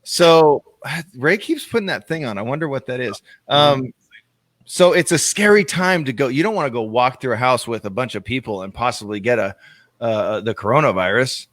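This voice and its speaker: A man co-hosting a casual real estate livestream, blunt and playfully sensational, quick to interrupt. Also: mid-range voice, lively intonation, a bit bright, no echo. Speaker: co-host of a real estate show.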